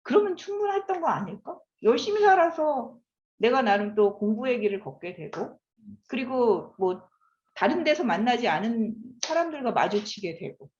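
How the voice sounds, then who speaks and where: A woman's voice: fairly high pitch, moderate pace. A woman in her fifties giving a lecture, often asking the audience questions. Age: 50s. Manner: animated, asks the audience questions. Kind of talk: classroom lecture. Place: lecture room. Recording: echoey room, slightly dull sound.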